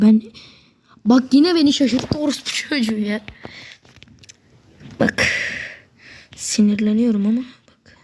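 A woman giving live gameplay commentary, swearing at opponents and getting worked up, sometimes dropping to a whisper. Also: on the high side. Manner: excitable, swears a lot, talks to opponents; drops to a whisper at times. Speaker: gamer.

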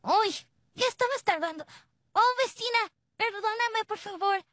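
A sweet, welcoming puppet hostess with a very high, dry voice, voiced by a woman. She talks in a gentle, apologetic way. It belongs to a homemade cartoon puppet dub. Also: a little slow, dry recording. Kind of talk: fan dub of puppet show.

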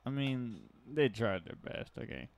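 A man's voice: mid-range voice, creaky. A man in his early twenties doing casual movie commentary, swearing a lot and rambling, stammering at times. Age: 20s.

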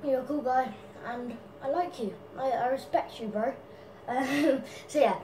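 A woman's voice: high voice, measured pace, dark tone, far from the mic, a little hiss or hum. A woman answering fan questions in a casual vlog, giggly and apologetic, with lots of ums. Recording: echoey room, from off mic.

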